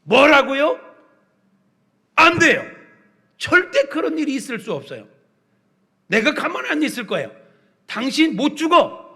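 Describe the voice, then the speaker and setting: A man acting out an impetuous adult male disciple who loudly and indignantly protests, with a husky voice. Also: very high voice, very animated, voice pushed up, full character voice. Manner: loud, rapid, indignant protesting. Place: church sanctuary. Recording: reverberant church sanctuary.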